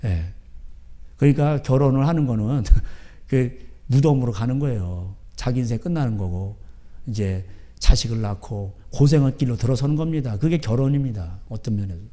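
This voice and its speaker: A man's voice: medium pitch, normal speed, mellow. A man preaching a sermon as pastor, in a rambling, chatty way, often asking his listeners "right?". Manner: keeps asking the crowd back "예?".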